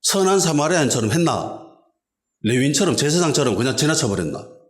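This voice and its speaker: A man, preaching an expository sermon as pastor, emphatic and animated, repeating lines for stress. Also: a little high, a little fast. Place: church in a basement hall.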